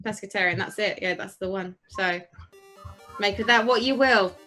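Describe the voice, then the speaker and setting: A woman's voice: mid-range voice, normal speed, faint music behind, poor audio. A woman co-hosting a gaming podcast, chatting casually, swearing and laughing. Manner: lively, swears, laughs, mimics game characters. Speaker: podcast co-host.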